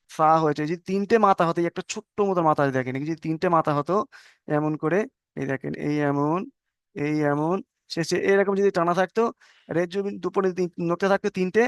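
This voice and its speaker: A man's voice: high-pitched, fairly even intonation, fairly quick, smooth, no room sound, studio quality. A man teaching Arabic letters, patiently repeating letter names and checking that students follow. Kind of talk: online lesson on Arabic letters.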